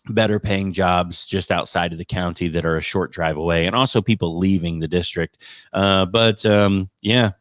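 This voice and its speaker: Low-pitched with a fairly bright tone, this podcast host is a teacher offering casual live takes on education news. He comes across as sarcastic and fed up. The audio is studio quality, free of room sound.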